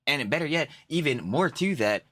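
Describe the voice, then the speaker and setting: A casual male reaction host who talks in easygoing, profane slang. His voice is bright and swings widely in pitch. He sounds unbothered and amused. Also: animated, moderate pace. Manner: laid-back, heavy swearing and slang, frequent laughs.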